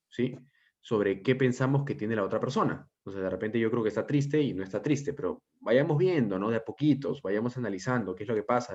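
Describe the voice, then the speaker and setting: A man with a fairly low voice teaches a class, explaining patiently and checking in with his student often. The audio sounds dull and lo-fi, like an online call. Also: darkish tone. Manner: explanatory, asks frequent check-in questions.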